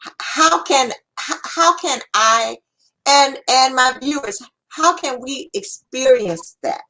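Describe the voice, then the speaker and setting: A woman interviewer asking hesitant, halting questions. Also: sits high, pushed and bright, rough recording.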